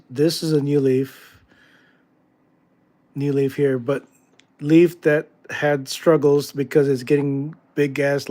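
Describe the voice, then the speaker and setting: A man's voice: medium pitch, warm tone. A man hosting a casual home livestream, chatting with viewers in a rambling, joking, easily distracted way and often correcting himself. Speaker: livestream host. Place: home room with houseplants, indoors.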